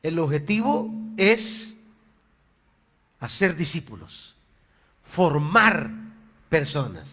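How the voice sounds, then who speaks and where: Emphatic pastor, high lively voice. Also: male voice, slow, long pauses. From El Salvador. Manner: emphatic, drives points home by repeating key phrases. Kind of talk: sermon. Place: church sanctuary. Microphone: handheld or stand microphone on a PA system.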